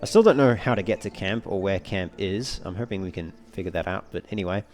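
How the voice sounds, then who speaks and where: A man with a low-pitched, darkish voice hosts a walkthrough, offering casual let's play commentary over faint background music. His explanations come across as measured, wordy, and a touch formal.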